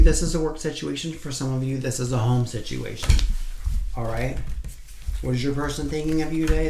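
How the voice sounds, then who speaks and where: A man giving a casual pick-a-card tarot reading, blunt and profane, repeating points over and over for emphasis. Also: medium pitch. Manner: blunt, swears freely, repeats himself for emphasis. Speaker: tarot reader. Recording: echoey room with faint noise.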